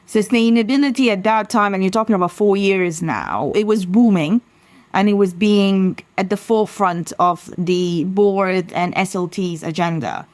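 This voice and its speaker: A woman's voice: mid-range voice, no echo. A middle-aged woman from Sudan, a consultancy founder answering interview questions in a passionate, emphatic way. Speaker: guest, sustainability consultancy founder.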